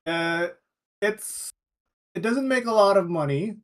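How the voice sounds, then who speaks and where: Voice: mid-range voice, expressive, slow pace. A player speaking in character in a tabletop role-play game, breezy and evasive, with lots of "like".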